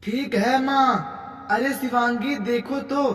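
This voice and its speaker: A performer voicing an exasperated son trying to settle a family quarrel in a cartoon comedy skit. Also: male voice, extremely high pitch, takes it slowly. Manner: exasperated, placating. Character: weary son caught between wife and mother. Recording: echoey, distant, loud music behind.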